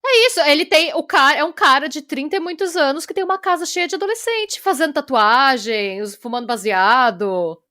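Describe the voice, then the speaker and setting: A Brazilian woman co-hosts a true-crime podcast, telling the story in a casual, lively, chatty way and now and then trailing off with "sei lá." She has a Brazilian Portuguese accent and a high voice, talking a little fast with hardly any pauses, recorded at studio quality without echo.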